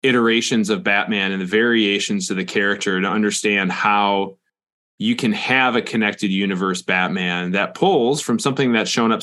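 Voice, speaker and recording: A man's voice: on the low side, fairly bright tone. Joking man co-hosting a podcast. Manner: joking, playful asides. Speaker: podcast co-host. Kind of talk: casual podcast chat.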